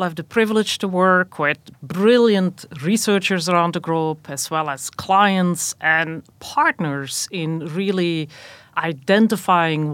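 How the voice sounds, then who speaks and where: A woman's voice: lowish voice, fairly bright tone, no room sound. A woman from Belgium, a technology executive, answering interview questions in long explanatory sentences with some fillers.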